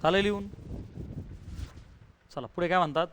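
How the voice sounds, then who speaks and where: A high-voiced man with a Marathi accent leads a physics class and drills his students with rapid questions. He keeps urging them to answer fast and calls them "beta." Faint traffic hums in the background. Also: fairly bright tone. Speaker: physics teacher.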